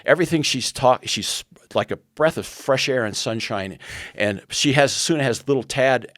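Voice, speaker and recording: A man's voice: medium pitch, lively intonation, normal speed, a bit bright, no echo, clean studio sound. A man in his sixties, a podcast guest, earnestly retelling a historical story and quoting the people in it. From United States. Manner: earnest, retells events with quoted dialogue.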